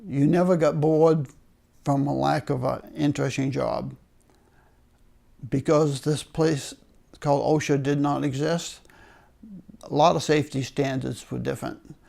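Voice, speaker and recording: A man's voice: a little high, steady tone, measured pace, gravelly, pauses often, mellow. An older man with a Maine accent, a retired worker telling stories from his working life in a wry, understated way. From Maine, United States. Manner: wry, understated humour with chuckles. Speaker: retired paper mill worker being interviewed. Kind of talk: oral history storytelling.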